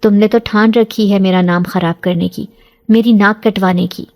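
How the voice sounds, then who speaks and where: A stern, sharp-tongued mother voiced by a woman narrator scolds without letup in a told horror story. Her tone is mellow but her words are cutting and disapproving. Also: medium pitch, steady tone, natural voice. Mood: scolding.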